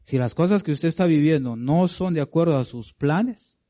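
A man preaching a sermon to a congregation, calling them brother and sister, asking them questions, swinging between loud climbs and soft drops. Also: on the high side, moderate pace. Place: church congregation.

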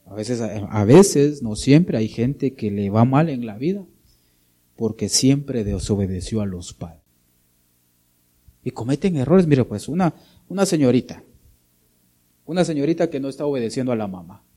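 A man's voice: mid-range voice, animated, normal speed, pauses often, dark tone. A man preaching a sermon, addressing his listeners directly and often asking them to agree. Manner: talks straight to listeners, keeps asking for agreement and calling them brother.

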